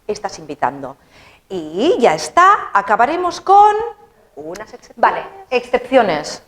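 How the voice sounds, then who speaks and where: A woman, an English teacher explaining grammar in an animated, chatty, playful way. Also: mid-range voice, measured pace.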